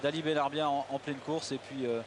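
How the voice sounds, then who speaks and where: A man's voice: medium pitch, steady tone, brisk. A man giving analytical football commentary, hesitating and repeating words as he explains the play. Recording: very noisy stadium broadcast. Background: loud stadium ambience.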